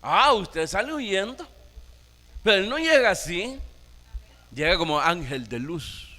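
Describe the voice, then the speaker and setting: A Nicaraguan pastor preaching a sermon, emphatic, firing rhetorical questions at the congregation. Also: male voice, sits high, sing-song, a little slow, bright, forceful tone, big-room sound.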